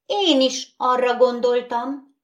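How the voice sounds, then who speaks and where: A woman's voice: on the high side, fairly bright tone, voice pushed up, close to an everyday voice. A woman voicing a nervous, vain porcelain doll in a storybook reading, prim and easily indignant. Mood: eager.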